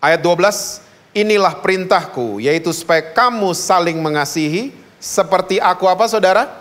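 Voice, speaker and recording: A man from Indonesia preaching a lively sermon as pastor, joking and asking the congregation questions. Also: sits high, moderate pace. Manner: jokey, asks the congregation questions.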